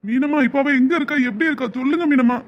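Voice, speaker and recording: A man's voice: very high-pitched, rapid-fire, muffled recording, slight background noise. A man voicing a remorseful young husband in a cartoon drama, pleading in a panic. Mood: panicked.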